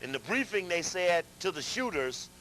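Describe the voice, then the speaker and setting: A man lecturing a live audience, animated, asking them questions and repeating himself as he talks. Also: high-pitched, normal speed, slight background noise, low-quality recording. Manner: animated, addresses audience directly, repeats and restarts.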